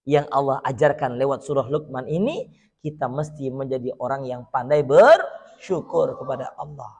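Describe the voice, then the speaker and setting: A man preaching a sermon to children at an Islamic boarding school, animated, leaving words unfinished for the listeners to complete. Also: mid-range voice, moderate pace, slightly rough. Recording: long hall reverb.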